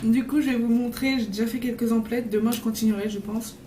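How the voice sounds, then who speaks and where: A woman in her twenties chats casually for a travel vlog from a hotel room, rambling with lots of fillers, restarts and self-corrections. Her voice is a little high, steady, fast and mellow. The recording sounds roomy, distant and noisy.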